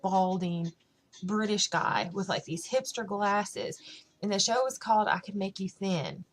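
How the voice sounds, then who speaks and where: A woman's voice: mid-range voice, unhurried, a little hiss or hum, poor audio. A woman vlogging in casual chat to camera, rambling with lots of fillers.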